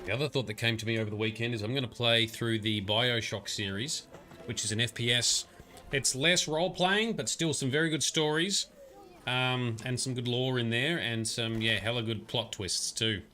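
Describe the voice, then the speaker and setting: A young man casually talks through a game for his livestream audience, answering chat comments with frequent "um"s. His voice is medium in pitch with a sharp edge, his pace moderate, and faint music plays behind him.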